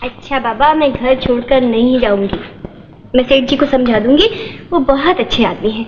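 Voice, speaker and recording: An actress playing a gentle young woman, talking softly and soothingly. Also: sits high, normal speed, a little hiss or hum, natural voice. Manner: soft, soothing, apologetic. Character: young woman, gentle kind elder sister figure. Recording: dull 1970s film soundtrack with loud music.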